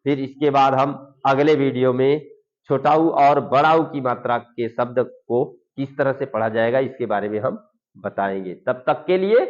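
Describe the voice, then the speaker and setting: A man teaching beginners to read, sounding out syllables slowly and repeating each word for the learners. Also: mid-range voice. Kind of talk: slow Hindi reading lesson for beginners. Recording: dull lo-fi recording.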